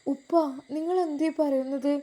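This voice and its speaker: A woman's voice: sits high, steady tone, moderate pace, warm tone, lightly acted. A woman voicing a hurt, timid young married daughter. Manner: timid, defensive.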